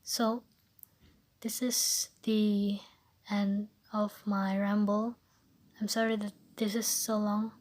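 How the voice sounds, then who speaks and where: A teenage girl with a raspy voice, giving a school oral presentation, hesitant and stuttering as she repeats words. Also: mid-range voice, level tone, takes it slowly, long pauses, a little mellow. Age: teens. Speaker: high school student.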